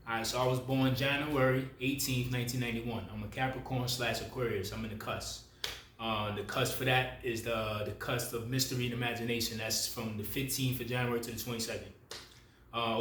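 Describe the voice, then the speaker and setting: A man's voice: medium pitch, a bit bright, echoey room, a little hiss or hum. A man, talking casually and rambling to the camera as a spiritual video creator. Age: 30s. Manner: loose, rambling, self-correcting, slangy and familiar.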